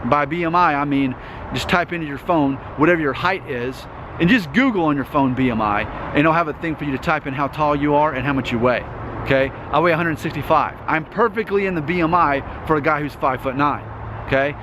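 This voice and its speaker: A man in his thirties, a YouTube host, records an earnest vlog monologue outdoors amid traffic noise. Speaking a little fast with a high-leaning voice, he goes over points again and often adds "okay?"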